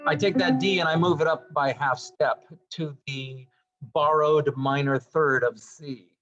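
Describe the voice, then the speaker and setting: A man's voice: fairly high pitch, fairly even intonation, measured pace. A male music teacher giving a classroom lecture, explaining as he goes with fillers and self-corrections. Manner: explanatory, thinking aloud with fillers and asides. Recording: dull lo-fi sound with loud guitar and instrument music.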